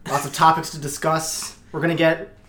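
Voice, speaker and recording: A man's voice: on the high side, little pitch movement, normal speed, pushed and bright, slight background noise. Jokey young man co-hosting a podcast. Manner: jokey, chiming in briefly. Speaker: podcast co-host. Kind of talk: casual chat.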